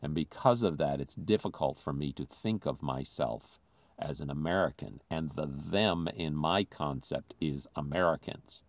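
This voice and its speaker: Very deep-voiced man preaching earnestly. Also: no echo. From Philippines. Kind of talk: sermon.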